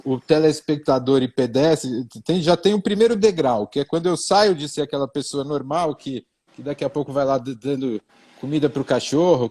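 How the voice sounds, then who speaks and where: Warm and mid-range, the voice belongs to a middle-aged Brazilian comedian chatting casually as a live-stream guest. He speaks with a Brazilian Portuguese accent, hesitating and repeating words, cracking wry jokes at his own expense and drifting into pompous, old-fashioned wording.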